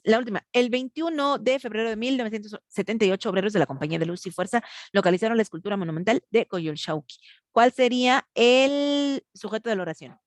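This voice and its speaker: In a medium-pitched voice, a teacher patiently guides her students through grammar during a video-call lesson, explaining step by step and asking for their answers. The audio is studio quality, without echo.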